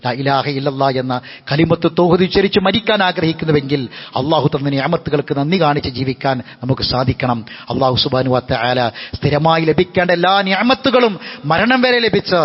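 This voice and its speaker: A high-pitched man delivers a Friday sermon in a mosque hall. He preaches with passion, asking and repeating rhetorical questions. His voice rings with a long reverb and comes through dull, lo-fi sound. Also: moderate pace, breathy edge. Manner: impassioned, rhetorical questions and repetition.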